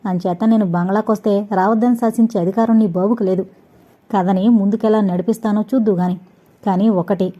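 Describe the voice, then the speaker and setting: A woman's voice: medium pitch, warm tone, natural voice. A woman voicing a fearless, teasing young man in an audio novel, in a playful, self-assured manner, on dull lo-fi audio.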